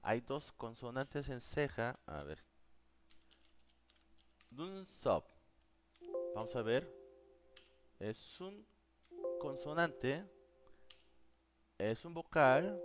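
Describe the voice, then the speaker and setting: A man with as his teaching a live online class, patiently answering viewers' questions. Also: mid-range voice. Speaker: Korean teacher.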